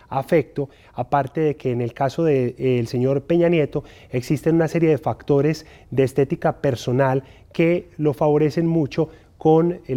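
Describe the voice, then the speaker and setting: A man giving a recorded lesson, talking in a measured way with frequent fillers and addressing the listener directly with advice. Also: medium pitch, dark tone. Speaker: instructor. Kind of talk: recorded lecture. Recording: dull, lo-fi audio.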